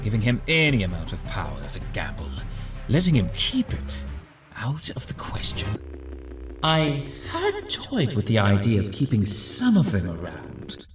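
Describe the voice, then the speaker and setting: A man's voice: on the low side, wildly swooping pitch, a little slow. A man voicing a vain, scheming villain doctor in a comic dub, with pompous, theatrical, articulate delivery. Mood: sinister musing. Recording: music behind the voice.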